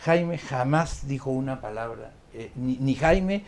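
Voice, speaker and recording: A lawyer, a man, telling the story of a past case in an animated way, often restarting his sentences as a guest on a talk show. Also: medium pitch, a little slow, creaky. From Peru. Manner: animated, recounting events with many restarts. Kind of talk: conversational storytelling interview. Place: studio of a live-streamed talk show.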